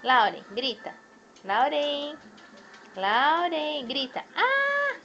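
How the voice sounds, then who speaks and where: A woman's voice: high-pitched, sing-song, a little slow, bright, forceful tone, soft background music. Brazilian woman in sing-song baby talk. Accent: Brazilian Portuguese. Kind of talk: home video, talking to a baby and a dog. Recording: dull lo-fi home video recording.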